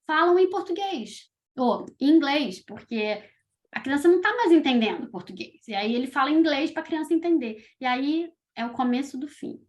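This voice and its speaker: A middle-aged woman from Brazil talks in a casual interview, her voice sitting a little higher than most. She tells her stories in an animated, chatty way, stringing thoughts together with small fillers. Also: normal speed. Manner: chatty, animated storytelling with fillers like "tipo" and "sabe". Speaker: podcast creator, guest.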